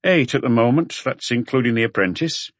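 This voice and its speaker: This audiobook narrator gives a lightly acted, voice-pushed-up take on a short, grumpy accountant, guarded and curt but still talkative as he explains himself. He speaks briskly and expressively in a mid-range voice, with no echo.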